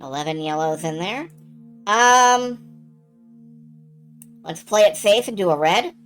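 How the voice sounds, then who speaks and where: A woman's voice: medium pitch, lively intonation, slow. A woman giving casual, sweary game commentary as a let's play host, narrating her own moves as she goes. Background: game music.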